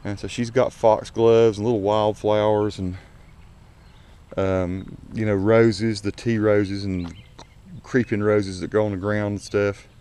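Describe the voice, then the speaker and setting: On the low side and warm, this man's voice stays level and unhurried, sounding clear and resonant. He walks outdoors giving a folksy, unscripted, conversational tour of his home garden as casual vlog narration, recorded on an action camera mic.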